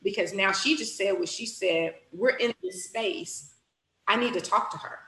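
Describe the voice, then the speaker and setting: A woman telling a personal story as an interview guest, animated, acting out her own reactions and laughing often. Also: normal speed, roomy sound, low-quality recording. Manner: animated, acts out her own reactions with big pitch jumps; laughs often while talking. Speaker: guest, youth literacy director.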